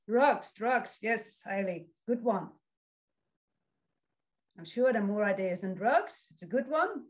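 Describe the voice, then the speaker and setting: A Dutch woman in her forties, a social work lecturer, gives an encouraging online presentation to a youth summit over a video call. Her mid-range voice is expressive and slow, with a Dutch accent, and she reads out audience comments in a friendly way.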